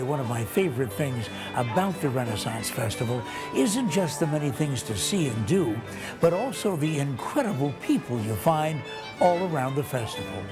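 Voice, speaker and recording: A man with a moderately high voice presenting a light festival feature for TV. His manner is jokey and mock-humble. Music plays clearly behind him. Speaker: TV presenter and interviewer. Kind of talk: light on-location interviewing and narration.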